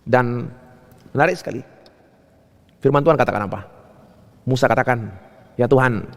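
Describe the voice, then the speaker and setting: A male pastor preaching a sermon, telling stories and asking rhetorical questions, swinging between high and low phrases. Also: normal speed, long reverb tail. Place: church.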